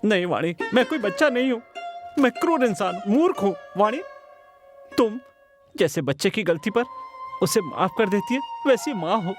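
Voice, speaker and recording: A man's voice: high voice, animated, moderate pace, over music. A man dubbing a hot-tempered husband prone to emotional outbursts, then full of remorse. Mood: remorseful. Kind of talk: Hindi film dub acting. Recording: dubbed film with loud score.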